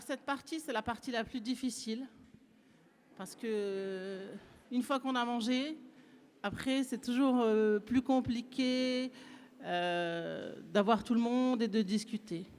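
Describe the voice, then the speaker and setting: A woman's voice: a little high, measured pace. A woman from Morocco with a French accent, welcoming guests to a round table, hesitant with many fillers as she switches between French and English. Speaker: event organizer welcoming a panel. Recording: long hall reverb.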